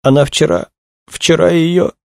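A man reading a novel aloud, voicing a distraught young woman who is crying and speaks in a halting, high voice. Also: expressive, gravelly, darkish tone, no room sound, studio quality. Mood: tearful. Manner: halting, tearful, high-pitched.

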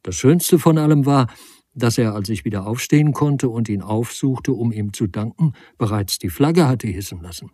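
A man's voice: mid-range voice, animated, moderate pace, dark tone, breathy edge, dry recording, studio quality. A man reading a frail, humble man in his forties who stammers and apologizes. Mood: grateful. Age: 40s. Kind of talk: audiobook character reading.

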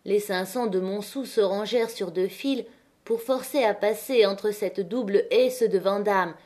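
A woman narrating an audiobook of a classic novel in a measured, dramatic reading. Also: medium pitch, a little mellow. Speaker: audiobook reader.

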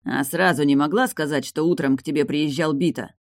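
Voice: medium pitch, a little fast, dry recording, clean studio sound, lightly acted. A reader voicing a frustrated man who keeps pressing for answers in an audiobook dialogue. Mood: insistent.

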